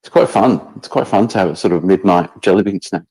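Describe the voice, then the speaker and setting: A middle-aged man, speaking in a very low voice. He chats casually as a guest on a video call, rambling and restarting his sentences, with many fillers along the way. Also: fast talker, darkish tone, husky, low-quality recording. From England. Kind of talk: casual chat.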